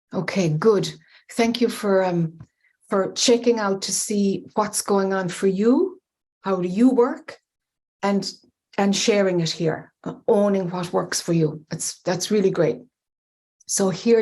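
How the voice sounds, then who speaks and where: An Irish woman, a spiritual teacher, leading a guided meditation in a slow, hesitant, soothing way. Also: medium pitch, darkish tone.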